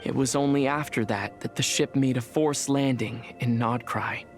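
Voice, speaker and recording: An actor playing a thoughtful, earnest young male traveler in a video game, speaking in a measured, reflective way. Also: medium pitch, steady tone, close to an everyday voice. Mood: pensive, earnest. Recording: music behind the voice.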